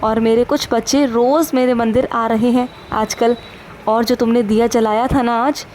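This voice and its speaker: A woman voicing a gentle, fatherly male saint who counsels his devotees in a tender, instructive devotional message, calling them "my child" again and again. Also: on the high side, fairly even intonation, normal speed, a little hiss or hum, natural voice. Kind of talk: devotional first-person message.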